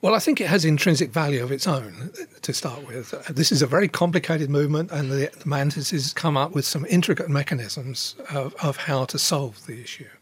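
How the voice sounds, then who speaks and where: A man giving measured expert explanations as an interviewed scientist. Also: a little high, husky.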